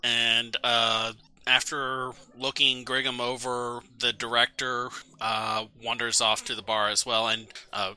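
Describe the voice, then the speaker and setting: A man's voice: mid-range voice, flat delivery, a little slow, few pauses, sharp tone, clear, resonant tone. A man narrating a tabletop game as game master, rambling through descriptions with many fillers.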